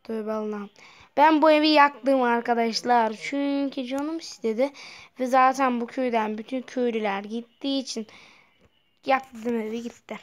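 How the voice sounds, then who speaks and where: A high-pitched woman narrating her own gameplay in a loose, chatty way. She mumbles to herself one moment and yelps at the game the next, coaxing animals and logs to come to her. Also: moderate pace. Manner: excitable, jumps from low muttering to loud yelps; talks to the in-game animals and objects. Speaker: Minecraft gameplay commentator. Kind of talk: casual gameplay commentary.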